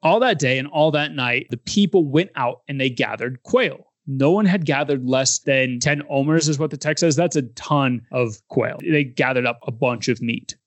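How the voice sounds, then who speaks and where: A man's voice: mid-range voice, moderate pace, hardly any pauses, no room sound. A man co-hosting a casual Bible discussion podcast, animatedly retelling passages and acting out quoted lines. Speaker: podcast co-host.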